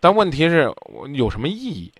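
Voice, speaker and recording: A man's voice: a little high, huge pitch swings, a little fast, breathy edge, no room sound, studio quality. A man hosting a radio call-in advice show, blunt and lecturing as he scolds the caller. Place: radio studio.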